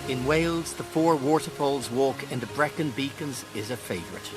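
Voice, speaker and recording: A man's voice: medium pitch, moderate pace. A man reading a scripted narration for a wildlife guide. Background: music.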